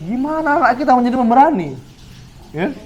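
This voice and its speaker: A man's voice: very high-pitched, big pitch swings, a little fast, a little mellow, muffled recording. A male Islamic preacher giving a study sermon, asking rhetorical questions and checking in with "ya" as he addresses the brothers. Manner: rhetorical questions, frequent "ya" to the audience.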